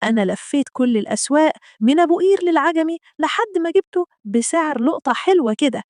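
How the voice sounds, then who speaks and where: A woman's voice: high-pitched, expressive, fast talker, a little mellow, dry recording, clean studio sound, voice pushed up. A woman voicing a proud, stubborn middle-aged father who talks boastfully, with an Egyptian accent. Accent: Egyptian Arabic. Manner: boastful, defensive.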